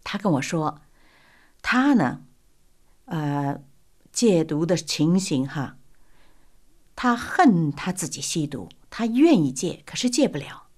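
Animated woman telling a faith testimony. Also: low-pitched, slow, long pauses. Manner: animated, dramatic with sighs and hushed asides. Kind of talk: sermon-like storytelling.

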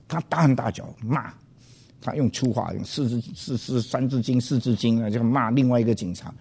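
An older man, a pastor, telling a personal story to an audience in a loud, animated way, dropping in English phrases. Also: medium pitch, brisk, breathy edge.

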